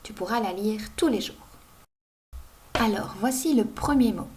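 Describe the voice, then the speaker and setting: A woman teaching young children to read, sounding out each word slowly and clearly. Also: medium pitch, darkish tone. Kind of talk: reading lesson for young children.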